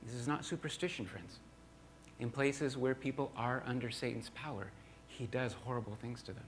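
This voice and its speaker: A man's voice: mid-range voice, normal speed, slight background noise. A male preacher telling a mission story in a sermon, earnest, often restarting with repeated words.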